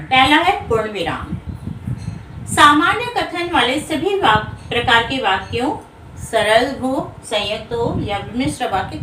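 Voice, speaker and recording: A woman teacher giving a grammar lesson, explaining slowly and repeating each term in other words. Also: high-pitched, echoey room, far from the mic, noisy background. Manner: explains slowly, repeating terms and rephrasing them. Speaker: Hindi teacher.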